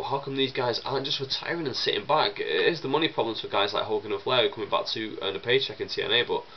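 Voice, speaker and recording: His voice sits on the low side, recorded with the highs cut off and a little hiss or hum underneath. He's a young man with a chesty cold, coughing and sniffling as he chats his way through viewer questions on his vlog, full of fillers and restarts.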